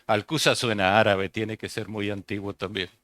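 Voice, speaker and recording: A man's voice: fairly low pitch, level tone, moderate pace, fairly bright tone, no room sound. An older man preaching a sermon as pastor, speaking, often asking the congregation questions and repeating key phrases.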